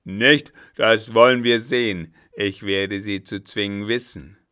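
Reading a German story aloud, a man with a steady, clear, resonant voice and a slightly slow pace plays a blustering, domineering old captain. He booms and shouts his threats in roaring outbursts.

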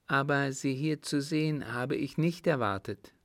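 A man's voice: mid-range voice, measured pace, no echo, studio quality, pitched above the performer's own voice, natural voice. A man putting on an indignant, flustered count. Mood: surprised. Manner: raised, incredulous questioning.

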